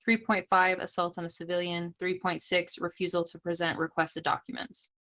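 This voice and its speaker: A woman's voice: on the low side, level tone, moderate pace, bright, forceful tone. Brief: young woman, casual streamer explaining rules, chats with viewers, dull lo-fi mic. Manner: chatty, talks to chat mid-explanation, laughs easily. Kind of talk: casual livestream instruction.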